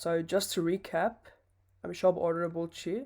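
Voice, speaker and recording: A teacher giving a slow, deliberate pronunciation lesson, repeating each word for drilling and mixing Bengali with English words. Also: mid-range voice, level tone, darkish tone.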